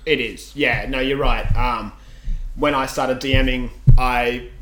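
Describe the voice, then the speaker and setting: A man co-hosts a casual tabletop-gaming podcast in a relaxed, rambling way, laughing easily between points. His voice sits in a middle pitch. A faint hiss runs under it. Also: slow pace. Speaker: podcast co-host.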